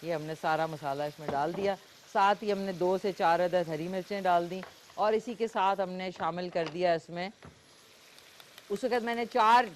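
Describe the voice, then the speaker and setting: A woman's voice: on the low side, moderate pace. Pakistani woman cooking-show host, chatty demo style, faint background hiss. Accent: Pakistani Urdu. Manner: chatty, talks while cooking, frequent fillers. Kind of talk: live cooking demonstration with callers.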